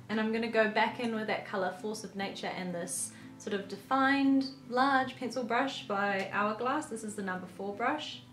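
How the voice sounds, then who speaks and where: A young woman chatting casually through a makeup tutorial, rambling with lots of filler words, her throat a little croaky. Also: medium pitch. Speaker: beauty vlogger. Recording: roomy echo with faint music.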